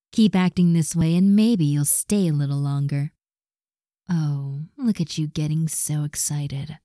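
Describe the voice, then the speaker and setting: A woman performing a scripted audio roleplay in a commanding, dominant manner, often dropping into soft whispers close to the mic. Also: low-pitched, no room sound.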